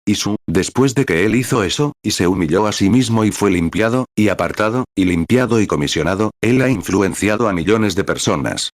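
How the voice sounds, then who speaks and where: Deep-voiced man reading a sermon. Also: expressive, fairly quick, hardly any pauses, dry recording, studio quality. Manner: earnest, preaching and praying. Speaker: reader of a translated sermon. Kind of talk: sermon reading with numbered paragraphs.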